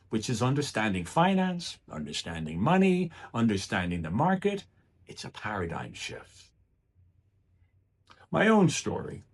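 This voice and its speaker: A public speaker gives an earnest, emphatic motivational speech, frequently posing rhetorical questions. His mid-range voice has a darkish tone with a breathy edge.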